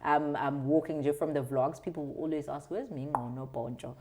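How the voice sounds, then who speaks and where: A South African woman with a low-pitched voice answers interview questions conversationally. She speaks in an earnest, expressive way, with the accent of her home country. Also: fairly quick. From South Africa, Transkei. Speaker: interview guest, video creator.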